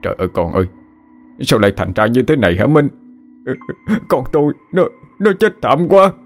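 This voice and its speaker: A man's voice: mid-range voice, very animated, normal speed, faint music behind, voice pushed up. Male narrator voicing an old rural father in raw mourning, wailing and ragged, for a spoken ghost story. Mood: wailing grief. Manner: sobbing, voice rising into cries. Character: grief-stricken older village father wailing over his son.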